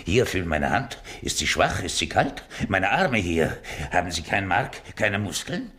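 A gravelly old lecher, deep husky voice, lively swings, radio play. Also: male voice, measured pace, full character voice. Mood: lustful. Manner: gravelly, wheedling then gleeful. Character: lecherous old rich man faking illness. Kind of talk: radio drama acting.

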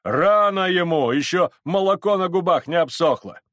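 Man doing a shouting drunken Cossack crowd for a storybook, high and loud. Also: expressive, normal speed, dry recording. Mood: shouting angrily. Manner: shouting, rough.

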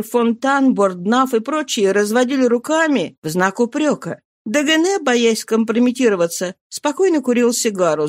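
A woman narrating an audiobook of a classic novel in a steady, measured voice. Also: a little high, dry recording, studio quality. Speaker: audiobook reader.

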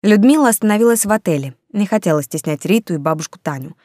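A woman narrating a story in an even, measured reading. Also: medium pitch, no echo, clean studio sound.

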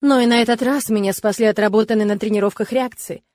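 A woman's voice: a little high, fairly even intonation, quick pace, darkish tone. Young woman narrating a wry fantasy tale. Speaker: audiobook narrator. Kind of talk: first-person fantasy narration.

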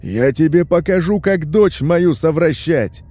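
A man voicing a brutal middle-aged major who screams hoarsely and cracks into falsetto. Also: animated, measured pace, dry recording. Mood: furious. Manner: yelling, begging hysterically.

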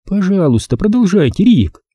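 Brief: sugary, flirtatious actress, pitched way up as a man reads her in an audiobook. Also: big pitch swings, moderate pace, mellow, breathy edge, dry recording, full character voice. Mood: coaxing. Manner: coaxing, sugary. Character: cooing, flirtatious woman film star.

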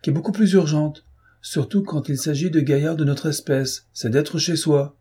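A man's voice: on the high side, fairly even intonation, normal speed, dark tone, slightly rough, pitched above the performer's own voice. A man voicing a sly, mocking male baron, a villain in an audiobook reading. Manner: taunting, sneering. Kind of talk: audiobook character voice.

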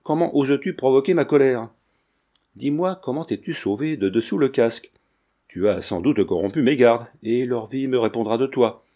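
A man's voice: mid-range voice, expressive, moderate pace, dark tone, natural voice. A man voicing a wrathful, tyrannical prince who speaks in a commanding, contemptuous way. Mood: furious.

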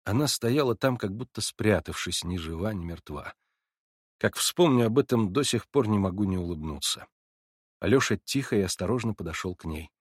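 A man's voice: fairly low pitch, lively intonation, normal speed, slightly rough, dry recording. Man reading a novel aloud, dry sound. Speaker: audiobook narrator. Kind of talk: literary audiobook narration.

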